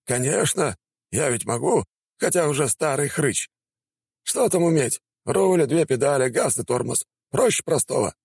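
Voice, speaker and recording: A man's voice: fairly high pitch, expressive, unhurried, a little mellow, breathy edge, no room sound, studio quality, pitched above the performer's own voice, full character voice. A man doing a spry jovial old teacher. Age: older.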